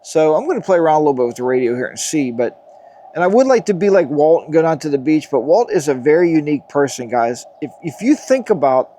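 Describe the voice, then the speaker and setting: A man chatting casually to viewers as a ham radio hobbyist, muttering to himself in a halting way. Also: a little high, expressive, dark tone, a little hiss or hum. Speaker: amateur radio hobbyist vlogger. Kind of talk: casual vlog chat to viewers.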